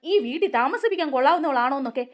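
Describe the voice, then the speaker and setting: A woman's voice: sits high, expressive, rapid-fire. A woman voicing an angry young man from a serial who is accusing a woman in heated tones.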